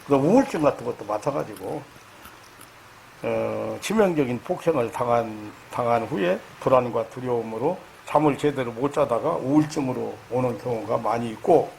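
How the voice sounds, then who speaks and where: A man preaching a sermon lecture as a pastor, halting with fillers, then rising loud and high to stress his points. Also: animated, creaky, a little hiss or hum. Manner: halting, many fillers and restarts.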